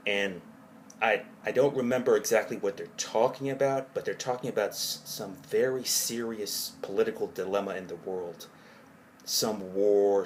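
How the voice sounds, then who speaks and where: A man recounting his own dream in a rambling, halting way, hazy and puzzled as he gropes for details and rephrases himself. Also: on the low side, slight background noise. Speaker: narrator of own dream journal.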